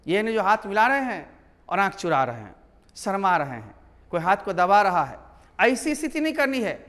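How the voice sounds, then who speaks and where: High-voiced man teaching English. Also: big pitch swings, normal speed, fairly bright tone, big-room sound. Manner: instructive, repeats and drills example sentences. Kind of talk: classroom lesson.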